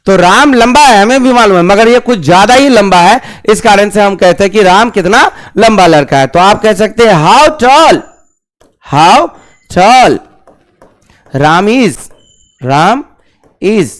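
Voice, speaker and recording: Male teacher; smooth, resonant voice, asks and answers his own questions. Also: high voice, moderate pace, few pauses. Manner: repeats key words, asks questions then answers them. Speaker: English grammar teacher. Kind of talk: classroom grammar lesson.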